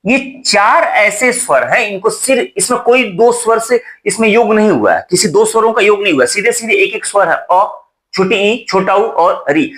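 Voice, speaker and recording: Lively high-voiced man teaching at a board. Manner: repeats key terms, asks rhetorical check questions. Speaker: Hindi teacher. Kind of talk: exam-prep lesson at a board.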